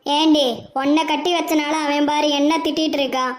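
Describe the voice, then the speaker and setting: A woman's voice: high-pitched, little pitch movement, moderate pace, natural voice. A woman voicing a bossy, scolding older mother-in-law in a Tamil cartoon, with a harsh way of talking.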